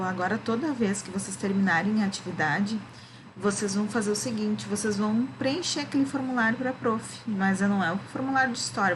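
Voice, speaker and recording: Patient woman teacher, noisy room. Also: mid-range voice. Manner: patient, explains slowly with many "né?" and "tá?" checks. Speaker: primary school teacher. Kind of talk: remote lesson to children.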